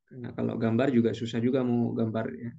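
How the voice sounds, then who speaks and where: A man's voice: mid-range voice, little pitch movement, fast talker, creaky, warm tone, lo-fi sound. A man teaching an online Arabic class, patiently drawing out each Arabic phrase.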